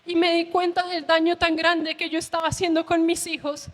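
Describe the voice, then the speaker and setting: A woman's voice: very high voice, little pitch movement, moderate pace. A woman preacher telling a heartfelt, tearful personal testimony in a sermon. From Colombia. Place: church hall. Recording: long church hall reverb.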